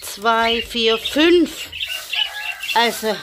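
A woman vlogger films a casual vlog in a stable, chatting to the viewer and coaxing her animals in a sing-song voice. Her voice is a little high and she speaks extremely slowly. There is background noise.

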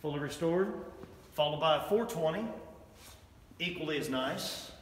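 A middle-aged auctioneer gives an upbeat promotional walkthrough of items in a large barn and an indoor toy room. His fairly high voice moves at a moderate pace, and the barn is echoey with long reverb and slight background noise.

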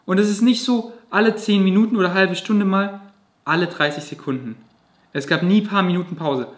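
A man's voice: high-pitched, normal speed. A man vlogging, telling a personal story to camera in a vivid, emotional way with casual swearing. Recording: roomy echo.

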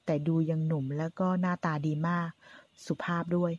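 A woman's voice: lowish voice, level tone, moderate pace. A woman narrating a drama novel aloud, reading the narration and voicing all of the characters' lines herself. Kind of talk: audiobook narration with character dialogue.

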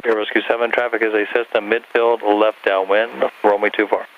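A man's voice: on the low side, flat delivery, fairly quick, phone-quality sound. A man working as an air traffic controller, giving clipped, matter-of-fact instructions by radio, heard over a pilot headset. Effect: aviation radio.

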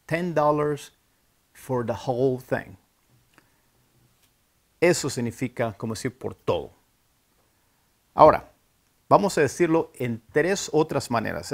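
A man teaching an online language lesson, patiently explaining idioms and repeating key phrases slowly for learners. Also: medium pitch. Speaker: English teacher.

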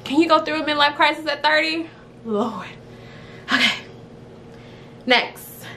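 A woman's voice: high-pitched, unhurried, sharp tone, slight background noise. A woman in her twenties from South Florida, chatting playfully to camera about herself in a small room. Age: 20s. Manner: chatty, playful, self-described rambler. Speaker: beauty vlogger, licensed esthetician. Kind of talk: casual chat to camera. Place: indoors, small room before a woven screen.

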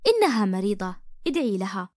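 A woman voicing a kind, caring adoptive mother in an animated storybook, speaking gently and tenderly. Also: mid-range voice, quick pace, no room sound, clean studio sound. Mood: gentle.

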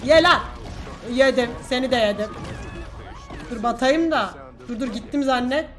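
A woman's voice: a little high, moderate pace, faint music behind. A woman streaming a video game, joking, swearing and taunting the characters in casual commentary. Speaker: gameplay streamer. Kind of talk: casual let's-play commentary.

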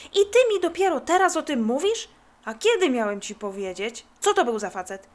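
A woman's voice: medium pitch, sing-song, moderate pace, close to an everyday voice. A woman voicing an eager, bossy boy detective who questions insistently.

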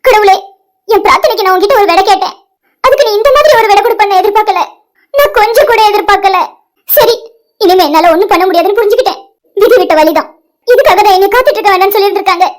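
Lady voicing a crying betrayed young woman in a cartoon, super high pitched, pleading. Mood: heartbroken. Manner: tearful, pleading, slow when grieving. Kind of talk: amateur cartoon voice acting.

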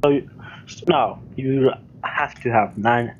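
Young guy on voice chat, slow lively pitch, kinda muffled lo-fi sound. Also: breathy edge. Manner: slow, deliberate, laughs along and repeats the other's lines. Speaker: co-player. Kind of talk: casual gaming chat.

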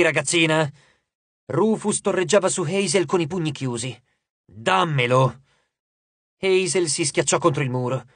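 Lively male audiobook narrator. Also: mid-range voice, slightly rough, dry recording. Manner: expressive storytelling. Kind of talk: scripted narration.

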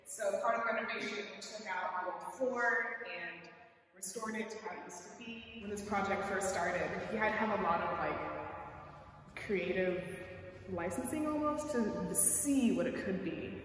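A woman's voice: medium pitch, moderate pace, fairly bright tone. Young woman chatting thru a building tour, lots of likes, far from the mic in a big echoey room. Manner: chatty, with frequent likes and sort ofs. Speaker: youth advisory board member. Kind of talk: casual guided tour. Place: large empty indoor room with hard walls. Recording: roomy echo, from far off.

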